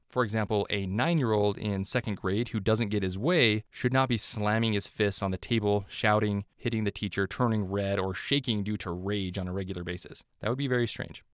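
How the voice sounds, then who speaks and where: A man giving a scripted medical lecture, explaining clearly and offering memory hooks. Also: lowish voice, no echo, studio quality.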